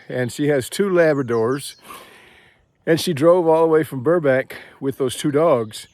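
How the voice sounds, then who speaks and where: A man's voice: mid-range voice, a little mellow, no room sound. A man with a Texan accent, talking casually to his phone while walking outdoors on a trail, rambling and thinking aloud. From Texas. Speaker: vlogger.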